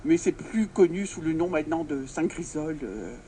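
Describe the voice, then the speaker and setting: A man's voice: fairly high pitch, lively intonation, moderate pace, mellow. A man giving hesitant, piecemeal interview answers as a local association member inside a church. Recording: church interior with background noise.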